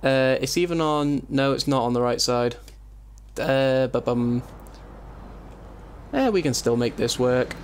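This man narrates his gameplay casually as a let's play host, musing aloud, wandering off track and interrupting himself. He speaks at a normal speed in a clean, mid-range voice with few pauses. A compressed desktop microphone records the voice-over, along with faint room noise and keyboard clicks.

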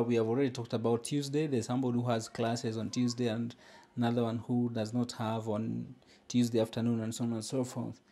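A man teaching a recorded French lesson in English, explaining slowly and repeating each phrase, filmed with a camera held over a textbook on a desk. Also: medium pitch, mellow.

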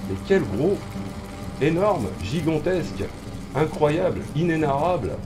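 A man's voice: a little high, very animated, unhurried, over music. A man streaming a horror game, commentating live, swearing and taunting the enemy with mock drama.

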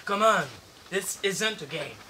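A bossy, defiant runaway boy played by a man pushes his companions on in a bright, high voice. His tone turns mocking and insistent. Faint noise sits under the outdoor stage. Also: a little slow, full character voice. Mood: urging.

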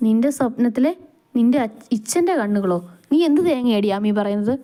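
A woman's voice: fairly high pitch, animated, brisk, mellow, lightly acted. A woman voicing a playful, blunt young woman who teases her dreamy friend. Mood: teasing. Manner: teasing, scolding.

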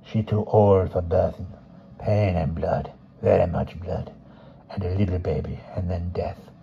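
A man voicing an ancient female fortune teller who speaks slowly and deliberately in rhythmic, cajoling phrases. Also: low-pitched, steady tone, vocal fry, lo-fi sound, exaggerated voice. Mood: ominous. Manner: slow, deliberate, rhythmic speech.

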